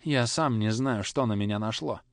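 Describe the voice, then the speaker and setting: A man's voice: lowish voice, normal speed, no echo, studio quality, lightly acted. A man voicing a young boy, defiant and near tears, who stammers and trembles. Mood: meek.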